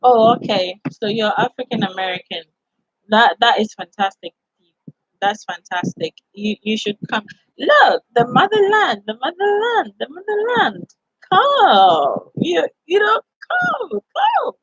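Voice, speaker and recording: A Ghanaian woman hosts a casual live chat, talking straight to her viewers in a loose, inviting way. Her voice has a husky edge. The sound is dry and dull, like lo-fi stream audio. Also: fairly high pitch, very animated, measured pace, no room sound. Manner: chatty, warmly inviting, peppered with "like" and "you know".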